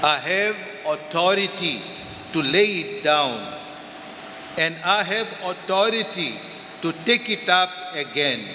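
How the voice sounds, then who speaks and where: A man with a Goan accent, a priest reading the Gospel and preaching at a pulpit microphone in a large church, speaking in short, measured phrases. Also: on the high side, lively intonation, bright, forceful tone, a little hiss or hum. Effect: heard through a pulpit microphone in a church. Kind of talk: Mass reading and homily. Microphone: pulpit microphone over church speakers. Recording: echoey church with long reverb.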